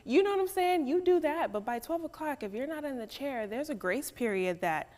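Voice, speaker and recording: Woman guest from bridal beauty, relaxed chat, recorded in a reverberant space. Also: high-pitched, a little fast. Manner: conversational, often adds "right?". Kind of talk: casual chat.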